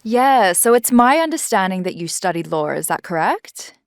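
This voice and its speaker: A woman's voice: medium pitch, very animated, normal speed, no echo, clean studio sound. A woman hosting a podcast, introducing her guest and asking questions with polished enthusiasm. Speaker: podcast host. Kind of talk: scripted intro and interview questions. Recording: music bed under the voice.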